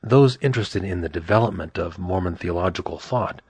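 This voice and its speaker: A man reading a scripted review aloud in a formal, scholarly, measured manner. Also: sits low, darkish tone, breathy edge, no room sound.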